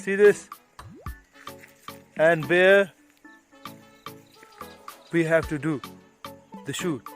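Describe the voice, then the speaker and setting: High-voiced Malayali man mixing Malayalam and English. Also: steady tone, drawn-out words, soft background music. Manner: mixes Malayalam and English, addresses viewers directly. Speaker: vlog presenter. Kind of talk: casual vlog demonstration.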